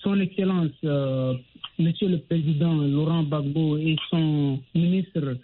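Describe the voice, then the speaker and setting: A man calling in to a radio show over a phone line, speaking formally with many pauses and tag questions. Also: on the high side, fairly even intonation. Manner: formal, with many pauses and repeated "n'est-ce pas". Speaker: radio call-in listener. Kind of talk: call-in opinion on a radio show. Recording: tinny phone line with faint noise and clicks.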